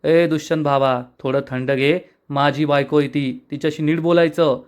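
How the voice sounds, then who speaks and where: A man reading a hurried placating young husband. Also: a little high, fairly even intonation, clear, resonant tone, natural voice. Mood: defensive. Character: young husband, quick to back down.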